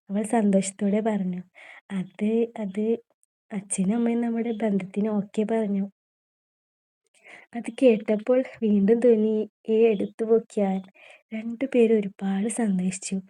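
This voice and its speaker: Slow-reading woman, dark mellow tone. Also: medium pitch. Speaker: storyteller. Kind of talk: story narration with character dialogue.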